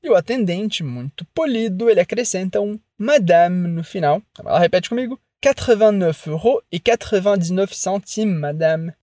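A French teacher gives a language lesson, modeling phrases slowly and carefully so the listener can repeat them. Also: mid-range voice, expressive, dark tone, no room sound, clean studio sound.

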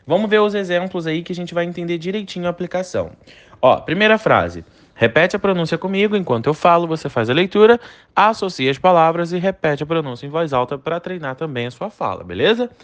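A man with a Brazilian Portuguese accent teaching an online English lesson, repeating example phrases slowly for his students to copy. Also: a little high, animated.

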